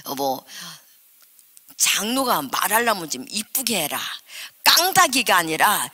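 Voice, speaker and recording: An older woman preaches at a revival service, telling personal stories and acting out each exchange. Her voice is bright and forceful. It rings through a church hall with a long reverb. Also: medium pitch, a little slow. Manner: animated storytelling, acting out dialogue. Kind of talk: revival sermon. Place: church sanctuary.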